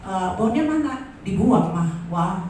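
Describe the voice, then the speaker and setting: A woman in her sixties giving a lively testimony at a worship service, acting out the voices in her story. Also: mid-range voice, a little slow, a little hiss or hum. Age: 60s. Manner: animated storyteller acting out dialogue. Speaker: church testimony speaker. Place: large church hall. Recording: echoey hall from far off.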